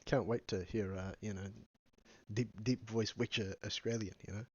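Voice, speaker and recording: A man's voice: fairly low pitch, fairly even intonation, normal speed, no echo, muffled recording. A young man co-hosting a podcast, chatting in a laid-back, joking way and laughing often. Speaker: podcast co-host. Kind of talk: casual chat.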